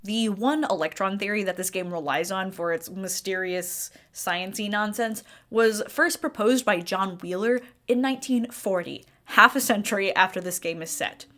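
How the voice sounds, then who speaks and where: A woman's voice: mid-range voice, moderate pace, few pauses, fairly bright tone. A woman giving scripted, opinionated video-essay commentary as a critical game reviewer.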